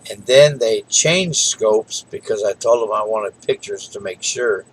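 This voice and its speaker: A man's voice: lowish voice, unhurried, slightly rough, poor audio. A tired middle-aged man talking casually in a rambling, folksy way late at night. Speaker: vlogger.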